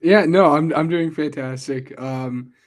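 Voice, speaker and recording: A man's voice: on the high side, measured pace. A young man co-hosting a casual podcast, talking loosely with lots of "like" and "uh" and cracking jokes. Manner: loose, filler-heavy, joking. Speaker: podcast co-host. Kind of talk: casual chat.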